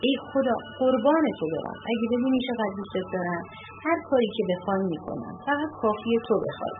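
A woman's voice: fairly high pitch, lively intonation, natural voice. A woman voicing a poor, simple shepherd praying fervently in homely words, on a narrow phone-like recording with music behind. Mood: devoted. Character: poor simple shepherd man, devoted and naive.

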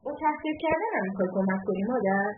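A woman voicing an upset, indignant young woman in a read-aloud story, with high, shrill protests. The recording is tinny, with music behind. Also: expressive, reverberant, background noise, lightly acted.

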